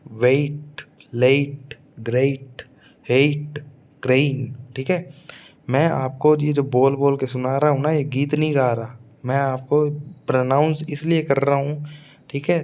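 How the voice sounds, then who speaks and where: A man's voice: medium pitch, a little mellow. Man, Rajasthani accent, English teacher, exam-prep lecture, repeats example words over and over. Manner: drills words by repeating them aloud. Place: Suratgarh, Rajasthan.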